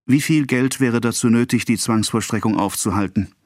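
A man's voice: mid-range voice, moderate pace, darkish tone, dry recording, clean studio sound, voice pushed up, close to an everyday voice. A man reading the part of a desperate young woman who pleads with a creditor, in a raised, agitated voice. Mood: pleading.

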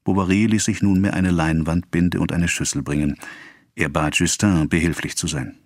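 A man reading a novel aloud as narrator, in an even, measured way. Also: deep voice, no echo, studio quality. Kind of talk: scripted audiobook narration.

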